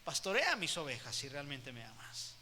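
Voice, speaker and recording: Pastor putting on a soft gentle jesus, slow caring questions, kinda high bright voice, echoey church. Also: male voice, big pitch swings, full character voice.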